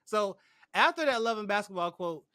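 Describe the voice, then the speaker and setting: A married man hosting a casual podcast interview, friendly and quick to laugh while asking questions. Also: high-pitched, lively intonation, sharp tone, no room sound, clean studio sound. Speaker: podcast host.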